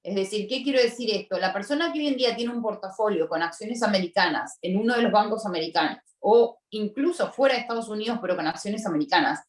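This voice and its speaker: A woman's voice: mid-range voice, fast talker, few pauses. Woman lawyer w explaining tax stuff on a video call, echoey and kinda far off. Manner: explanatory, emphatic, repeats key points. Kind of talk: webinar explanation. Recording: echoey room, distant from mic.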